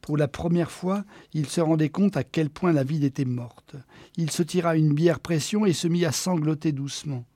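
A man reading a short story aloud as an audiobook, expressive and slowing down for the quiet moments. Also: a little high, no room sound, clean studio sound.

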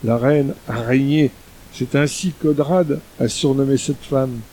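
Man, audiobook narrator, steady storytelling, mellow warm tone, mid pitch. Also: measured pace, slight background noise, low-quality recording. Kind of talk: scripted narration.

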